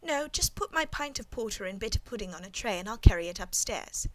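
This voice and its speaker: A woman reading the part of a guarded, composed middle-aged servant woman, speaking calmly and demurely in a storybook. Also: medium pitch, brisk, no echo, close to an everyday voice, low-quality recording.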